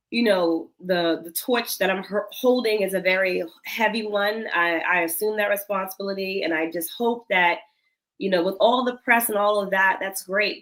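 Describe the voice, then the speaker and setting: Poor audio captures a woman in her thirties from Senegal, a guest who founded a cosmetics brand, speaking in an interview. Her voice is mid-range and a bit bright, her tone earnest and thoughtful, with the occasional light laugh.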